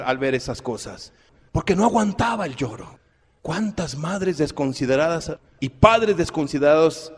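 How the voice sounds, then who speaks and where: Man, sermon, high voice, dramatic swings between shouting and near-whispers, repetitive emphasis, long echo of a hall. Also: breathy edge. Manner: dramatic, swinging from loud cries to hushed low tones; repeats words for emphasis. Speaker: preacher.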